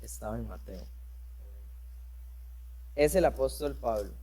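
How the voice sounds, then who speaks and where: With a warm, medium-pitched voice, a male preacher reads scripture and explains it in an unhurried, expressive way. His church lesson is full of rhetorical questions, fillers, and self-corrections.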